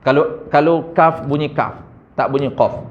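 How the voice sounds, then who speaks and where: Malaysian guy teaching quran reading, keeps saying ha, kinda higher voice, dull muffled audio. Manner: corrective, demonstrates recitation slowly, drawn out; addresses audience as tuan-tuan, frequent "ha". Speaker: religious teacher. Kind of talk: Quran recitation class. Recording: muffled lo-fi recording.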